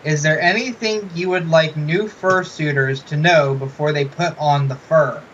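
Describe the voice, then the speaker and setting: A man hosting an interview, asking questions in a soft, slightly mumbling, hesitant way from inside a fursuit head. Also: on the high side, fairly even intonation, measured pace. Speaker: interviewer, channel host. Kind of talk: casual interview. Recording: muffled, dull audio with hiss.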